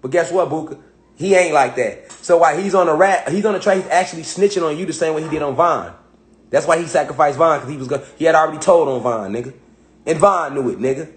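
A man's voice: on the high side, fast talker, slight background noise. A man in his thirties giving confrontational reaction commentary, calling out a rapper directly in heavy street slang. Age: 30s. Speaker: commentator reacting to rap songs.

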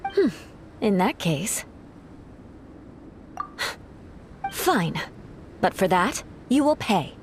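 An actress voicing a proud young noblewoman knight in an anime game, speaking in a haughty, formal, measured way. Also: medium pitch, big pitch swings, a little mellow, slight background noise. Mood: haughty, teasing. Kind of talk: anime video game voice acting.

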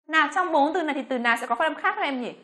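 A Vietnamese woman teaching English pronunciation, speaking slowly on her model words between quicker explanations. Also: sits high, expressive, a bit bright. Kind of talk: pronunciation lesson.

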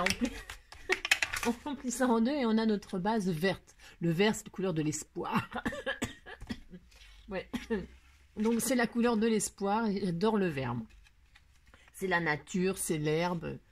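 Chatty woman rambling through a craft tutorial. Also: mid-range voice. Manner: rambling, self-mocking, talks straight to viewers with many asides. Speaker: card-making tutorial host. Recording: noisy home recording.

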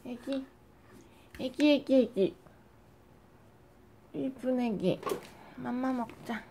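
A mother coos and coaxes her baby through a feeding, her voice high and swinging widely in a playful sing-song. She drags her words out slowly and now and then speaks as the baby. Faint noise sits under the home recording. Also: sing-song, fairly bright tone. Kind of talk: baby talk while spoon-feeding.

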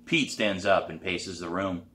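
Male author reading his middle-grade book aloud, steady narration, lowish voice. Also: measured pace, roomy sound. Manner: plain, steady first-person narration. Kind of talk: storybook read-aloud.

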